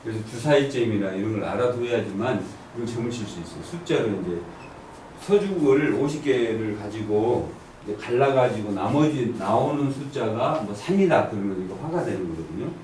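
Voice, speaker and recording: A man's voice: fairly low pitch, animated, normal speed, a little mellow, a little hiss or hum. A man teaching an I Ching class, quizzing the students and drilling the readings aloud. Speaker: I Ching lecturer. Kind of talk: classroom lecture. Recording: echoey room, from far off.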